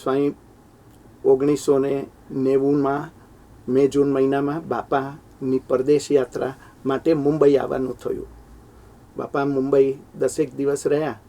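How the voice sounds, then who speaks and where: A man's voice: mid-range voice, flat delivery, measured pace, warm tone. A middle-aged man earnestly recounting a personal memory, his voice rising when he is moved. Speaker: devotee sharing memories. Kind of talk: heartfelt personal storytelling.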